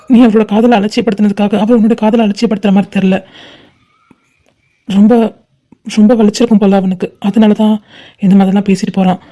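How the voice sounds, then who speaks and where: Woman doing a gentle cartoon guy comforting his friend, soft dark tone. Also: mid-range voice, close to an everyday voice. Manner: gentle, reassuring. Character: kind supportive young man comforting a friend. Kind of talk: fan cartoon voice acting.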